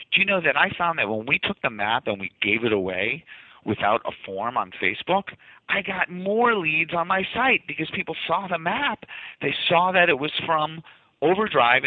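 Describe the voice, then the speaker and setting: A man's voice: mid-range voice, dry recording. Man with a light Boston accent. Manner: enthusiastic, explanatory, repeats words when restarting. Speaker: guest, marketing agency owner. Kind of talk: casual interview talk. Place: office. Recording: tinny phone-like line, dry.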